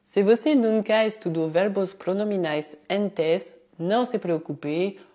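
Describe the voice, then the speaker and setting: A woman teaching a language lesson, explaining clearly step by step and slowing down to say example sentences. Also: mid-range voice, dark tone. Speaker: French teacher.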